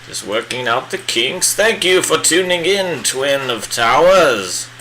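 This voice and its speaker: Man doing a hammy old wizard, lively. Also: mid-range voice, a little hiss or hum, low-quality recording. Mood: grandiose. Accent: put-on British. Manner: hammy, drawn-out theatrical wizard speech. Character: pompous old male wizard with a beard. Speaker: streamer painting live.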